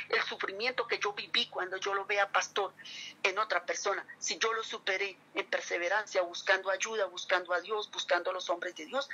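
A middle-aged woman pours out a personal religious testimony to a pastor, earnest and emotional, turning back to him often. Her voice is bright and sharp-edged, with a husky rasp and a gravelly fry at the ends of phrases. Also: medium pitch, lo-fi sound. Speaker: church member giving testimony to a pastor.

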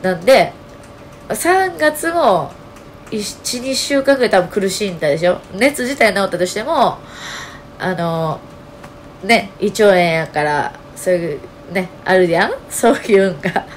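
A woman with a Kansai accent talking casually to her channel, her voice hoarse and nasal, telling her story with lots of fillers. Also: mid-range voice, measured pace, a little hiss or hum. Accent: Kansai Japanese. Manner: chatty, animated storytelling with many fillers. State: hoarse, strained voice. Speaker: channel host. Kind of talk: casual solo vlog talk.

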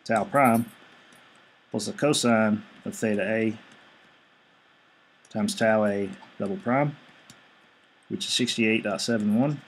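A man's voice: on the low side, slow, pauses often, breathy edge. A male engineering instructor giving a screencast lecture, explaining each step evenly and reading out numbers as he works.

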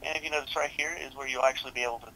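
Over a headset on a video support call, a young tech support advisor walks a customer through a process in a polite, informal way. He talks at a racing clip in a mid-range voice that is pushed and bright, with fairly even intonation, and the audio quality is poor.

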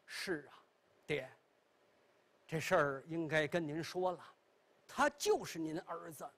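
A man voicing a calm, earnest grown eldest son in a storytelling performance, explaining in a low, steady voice. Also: a little slow.

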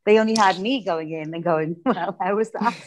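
Woman director on a video call, echoey voice from a bare classroom, reflective and lively. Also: mid-range voice, normal speed. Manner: reflective, animated, laughs easily. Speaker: theatre director. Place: small empty classroom, echoey.

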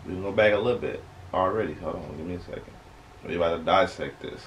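A man's voice: deep voice, fast talker, fairly bright tone, faint music behind, poor audio. A young man with an American accent hosts a reaction video with casual, slangy commentary, repeating points for emphasis. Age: young adult. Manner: slangy, conversational, emphatic repetition. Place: small bedroom indoors. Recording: clear background noise, home webcam recording.

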